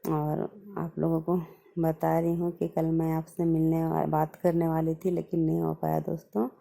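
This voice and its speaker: Young female vlogger, low and flat, speaking softly and chatting casually with her viewers. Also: normal speed, creaky, low-quality recording. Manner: chatty, keeps addressing viewers as friends; speaking softly while others sleep. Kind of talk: casual vlog chat.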